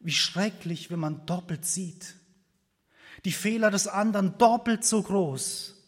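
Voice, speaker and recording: A man with a high voice preaches a sermon slowly and earnestly, building on repeated phrases and at times sinking almost to a whisper. His words ring out with the long reverb of a church hall. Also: slightly rough.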